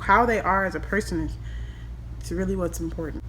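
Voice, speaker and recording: A woman's voice: on the low side, brisk, very noisy. A woman in her twenties chatting casually to camera in a giggly, tipsy ramble, as a makeup vlogger. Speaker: vlogger giving a makeup tutorial. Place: small room at home, indoors.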